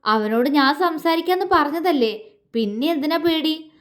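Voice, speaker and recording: A woman reading a story aloud, voicing a gentle young man who talks softly and coaxingly. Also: high voice, expressive, moderate pace, voice pushed up. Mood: soothing. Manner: soft, tender, coaxing.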